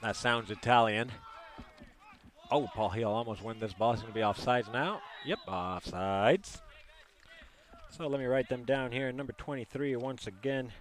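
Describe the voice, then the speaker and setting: A man's voice: mid-range voice, normal speed. A man doing live play-by-play commentary, chatty and partisan, joking with listeners as the action unfolds.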